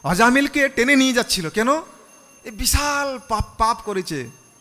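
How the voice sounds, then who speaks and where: A man's voice: extremely high pitch, lively intonation, a little slow, bright, forceful tone, long reverb tail. A man, a monk, preaching a scripture sermon, asking the audience questions and leading them in chanting. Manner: call-and-response, chants the mantra with the audience.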